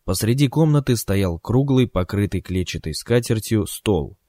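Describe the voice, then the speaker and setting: A man narrating a story in an ironic, expressive way, as an audiobook. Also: fairly low pitch, normal speed, no echo, studio quality.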